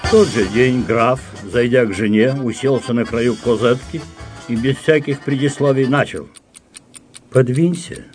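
A man's voice: medium pitch, moderate pace, over music. A man reading a comic story aloud with melodramatic delivery, acting out the dialogue. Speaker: narrator.

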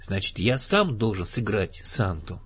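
A man's voice: fairly low pitch, sing-song, a little slow, fairly bright tone, husky, full character voice. A man voicing a kind, fretful little bear in a storybook reading, in a raised, eager voice. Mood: earnest. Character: small earnest male teddy bear, kind and fretful.

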